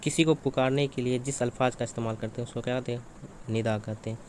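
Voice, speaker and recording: Guy teaching exam prep, keeps asking then answering his own questions, average pitch, faint background hiss. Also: steady tone, quick pace, a little mellow.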